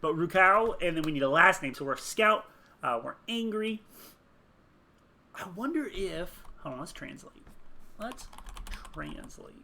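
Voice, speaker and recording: A man's voice: fairly high pitch, animated, fairly quick, sharp tone, slight background noise. A man thinking aloud as he builds a game character, rambling, muttering and chuckling at his own jokes while he types. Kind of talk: casual thinking aloud while searching online.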